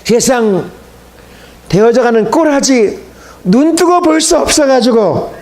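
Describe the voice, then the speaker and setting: A man's voice: very high voice, lively intonation, takes it slowly, a little mellow, voice pushed up, heavily acted. A man preacher voicing a bitter, complaining man who was once blind.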